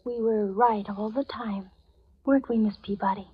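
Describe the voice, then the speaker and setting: An actress voicing an eerie, calm, cruel child in old-time radio drama style. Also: female voice, mid-range voice, moderate pace, slightly rough. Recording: distant muffled old radio recording.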